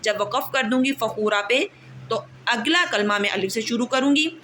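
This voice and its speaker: Bright-voiced woman teaching recitation. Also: on the high side, a little hiss or hum. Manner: patient, checks understanding often; stretches out recited words slowly. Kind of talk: classroom tajweed lesson.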